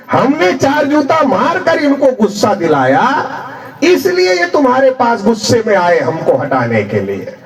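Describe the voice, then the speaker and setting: A man's voice: extremely high pitch, roomy sound, distant mic, rough recording. A man giving an emphatic public political speech, telling his points as little stories with acted exchanges. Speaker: political speaker.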